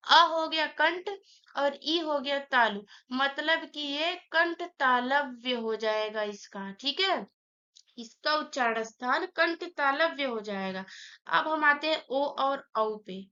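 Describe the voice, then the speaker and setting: A woman's voice: high-pitched, pushed and bright, muffled recording. A woman teaching an online grammar lesson, saying sounds aloud one by one and explaining each step.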